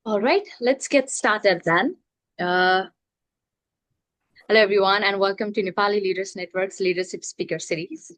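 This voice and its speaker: Woman host, mid-pitched, friendly, welcoming an online audience, dry close video-call sound. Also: normal speed, a bit bright, no room sound. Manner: friendly, encouraging audience to interact. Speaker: event host. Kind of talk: hosting an online speaker series.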